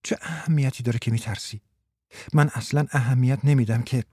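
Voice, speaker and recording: A man's voice: mid-range voice, darkish tone, slightly rough, dry recording, studio quality, close to an everyday voice. A man voicing a restless, anxious young wife. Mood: teasing, agitated. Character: agitated young wife, teasing then fearful.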